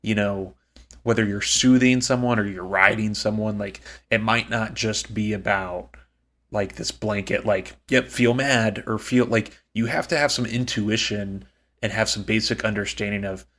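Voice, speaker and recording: A man co-hosts a podcast, recapping a book in a chatty, joking way with lots of ums. His lowish, fairly bright voice has fairly even intonation at a moderate pace.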